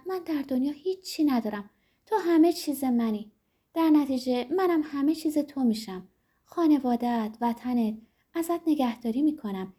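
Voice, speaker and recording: A woman voicing an eager young woman in love, talking in a high, breathless, emotional way. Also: mellow, husky.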